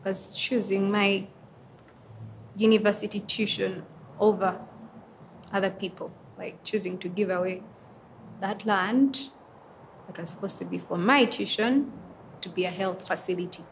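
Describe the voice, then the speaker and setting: Young Ugandan woman, twenties, earnest interviewee, reflective pacing, slight noise bed. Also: mid-range voice. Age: 20s. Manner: earnest, reflective, with pauses and fillers. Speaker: interviewee, advocate for women and girls. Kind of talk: answering interview questions.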